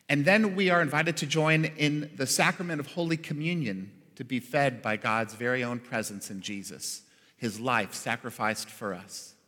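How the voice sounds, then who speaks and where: A man preaching as pastor in a church sanctuary, reading scripture and telling stories with animated character voices. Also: fairly high pitch. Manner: lively storytelling with character voices. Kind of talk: sermon. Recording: long church reverb.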